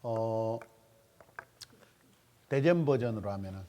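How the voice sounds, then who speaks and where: A man's voice: fairly low pitch, animated, slow pace, mellow. A man leading a church Bible study seminar as pastor. He asks his listeners questions and repeats their answers back to them. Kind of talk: interactive Bible study teaching.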